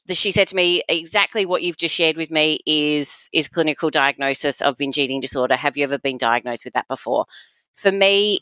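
An Australian woman in her forties shares personal experience as a guest. Her voice is very low and smooth, with a dry, close sound. She speaks candidly. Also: pushed and bright, dry recording. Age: 40s.

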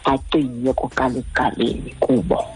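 A woman's voice: extremely low pitch, fairly even intonation, a little fast, darkish tone, faint music behind. A woman with a South African Xhosa accent explaining things as an official in a radio interview, slipping into English phrases. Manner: code-switches into English phrases. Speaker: consumer credit ombud representative.

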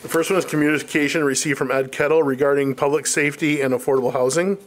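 A woman's voice: low voice, steady tone, quick pace, slight background noise. A woman serving as meeting clerk, formally reading out names and items.

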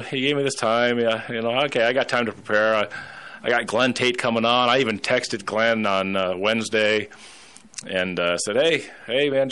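A man's voice: medium pitch, fairly bright tone, smooth. A man hosting a radio talk show, telling stories in a casual, rambling way with many restarts. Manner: rambling, storytelling with put-on voices.

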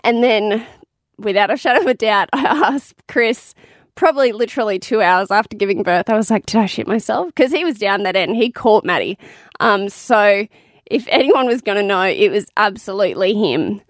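A woman's voice: mid-range voice, dry recording. Frank, swearing young mother, dry close sound. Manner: frank and swearing, with quick laughs. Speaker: new mother sharing birth experiences. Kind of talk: candid casual storytelling.

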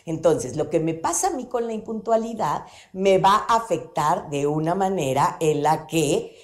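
Brief: woman, radio psychology guest, animated and playful. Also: on the low side, moderate pace. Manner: animated, laughs often, playful examples. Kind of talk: conversational radio talk. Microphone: studio microphone.

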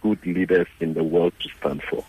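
A man with a Ghanaian accent and a husky voice, giving measured, earnest commentary as a guest journalist in a radio interview. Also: low voice, fairly even intonation, warm tone, no room sound, rough recording.

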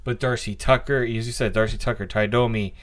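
A man's voice: medium pitch, fairly even intonation, a little fast. A man hosting a sports podcast in casual chat, rambling with frequent ums and restarts. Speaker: podcast host.

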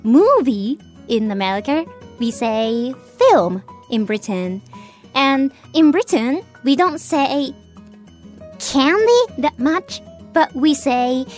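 A Japanese woman hosts a radio show, switching between English with a Japanese accent and Japanese. She stops often to search for words, with many fillers. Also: fairly high pitch. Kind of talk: casual talk in English and Japanese.

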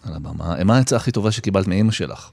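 A man interviewing a guest in a radio studio, asking short, relaxed questions. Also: low-pitched, gravelly, dry recording. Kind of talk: casual interview chat.

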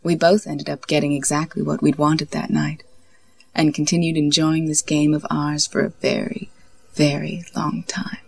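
Brief: woman narrator, low and gravelly, reading an intimate story slowly and softly, often near a whisper. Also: little pitch movement, dry recording. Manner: soft, slow, breathy delivery, often near a whisper.

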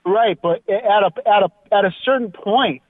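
A man's voice: sits high, normal speed, dry recording. Worried male caller on a tinny phone line. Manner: worried, rambling, many restarts. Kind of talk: call-in talk radio.

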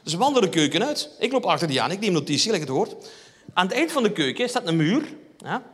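Speaking fast with big swings in pitch, this Flemish-accented man has a high, fairly bright, slightly rough voice. He delivers a wry story as a stand-up comedian on a theatre hall stage, addressing the crowd head-on, with the sound echoing through the live room.

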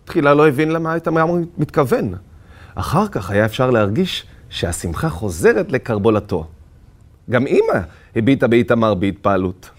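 A man narrating a children's story in an expressive, theatrical way. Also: mid-range voice. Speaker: story reader.

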